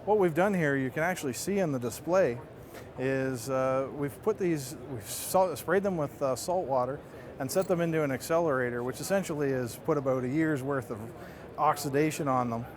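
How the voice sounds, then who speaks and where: Man pitching gear amid crowd din. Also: normal speed. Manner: explanatory, conversational sales pitch. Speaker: marketing manager demonstrating products. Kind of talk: casual product demonstration. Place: trade show booth. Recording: busy trade show crowd behind.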